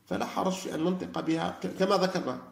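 Man, religious lecture, fairly high voice, roomy echo. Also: quick pace, creaky. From Algeria. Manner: animated, argumentative, asks rhetorical questions. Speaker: lecturer on Quran study.

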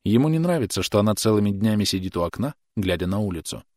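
A man narrating an audiobook in a measured, expressive way. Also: fairly low pitch, no echo, studio quality.

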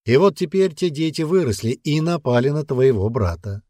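A man voicing a stern old great-grandfather who keeps the clan's secrets, speaking slowly and weightily. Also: a little high, sing-song, mellow, no room sound, voice pushed up. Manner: slow, weighty, bloodthirsty approval.

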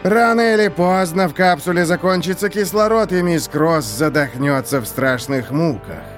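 A man's voice: on the high side, moderate pace, faint music behind, voice pushed up, close to an everyday voice. A man voicing a scheming, mocking male prison warden who gloats in a theatrical, mock-polite way.

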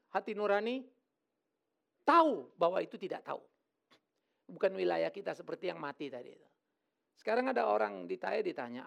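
A middle-aged male pastor preaching a lively, joking sermon in church. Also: sits high, gravelly. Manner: lively, joking, acts out quoted voices.

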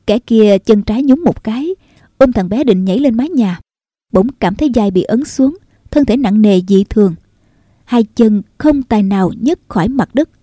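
Woman reading a novel aloud, steady and measured, warm tone. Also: a little high, no room sound, studio quality. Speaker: audiobook narrator. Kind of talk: scripted narration of a martial arts novel.

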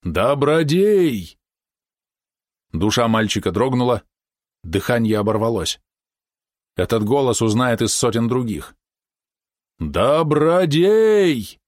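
A man narrating an audiobook in a steady, measured storytelling manner. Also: on the low side, no echo, studio quality. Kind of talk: scripted narration.

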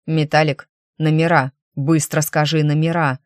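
A narrator reading the lines of a tense man giving clipped, loud orders over the phone in an audiobook. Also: medium pitch, level tone, moderate pace, dry recording, studio quality, lightly acted. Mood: urgent.

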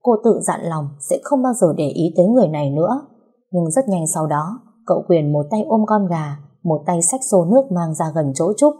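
A woman tells a dramatic story in a vivid, expressive way. Her voice is low, mellow and husky. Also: normal speed.

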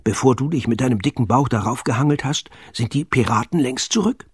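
A man voicing a brave but nervous young boy sailor in whispered role-play, talking in a quick, breathy half-whisper. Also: mid-range voice, darkish tone, no room sound, studio quality, natural voice. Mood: urgent.

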